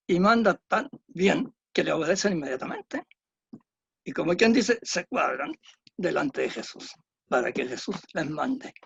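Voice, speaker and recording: A man's voice: on the high side, vocal fry, husky, dry recording, lo-fi sound. A man lecturing on a Bible passage, explaining step by step and often checking in with tag questions. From Chile.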